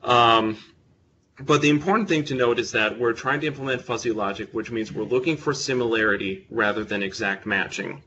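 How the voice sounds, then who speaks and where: A young man gives a technical talk to a live audience at a user group meeting, speaking close to his microphone with a big voice and casual, self-deprecating humor. His medium-pitched voice sounds pushed and bright and moves fairly quickly. The highs are cut off and there's a little hiss or hum.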